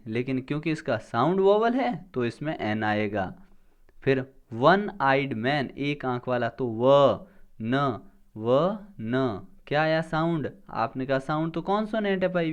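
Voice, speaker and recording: A man with a slightly high voice teaches a grammar lesson for an exam. He breaks it into small steps and sounds words out slowly. He asks questions and answers them himself. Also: big pitch swings, clear, resonant tone, muffled recording.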